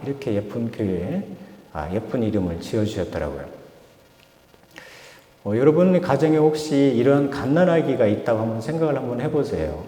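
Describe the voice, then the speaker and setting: A man's voice: mid-range voice, dark tone. A male pastor giving a sermon in a church, telling jokes and anecdotes. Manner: joking, anecdotal storytelling. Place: church sanctuary. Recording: echoey church hall with long reverb.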